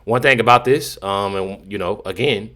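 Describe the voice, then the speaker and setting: A man's voice: on the low side, normal speed, fairly bright tone. A man giving casual, unscripted commentary in a rambling, repetitive way, leaning often on filler phrases. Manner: rambling, repeats himself, frequent "you know". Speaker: commentator reacting to news clips.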